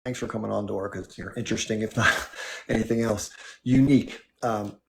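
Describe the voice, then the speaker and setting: A man's voice: on the low side, steady tone, fairly quick, creaky, slight background noise. A man hosting a live stream, arguing in an emphatic way and firing off rhetorical questions. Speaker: livestream host. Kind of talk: heated political monologue.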